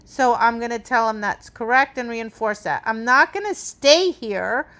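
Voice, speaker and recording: A woman's voice: on the high side, a little slow, a bit bright. A woman dog trainer talking through a training demonstration, explaining each step and checking in with "right?". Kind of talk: instructional demonstration.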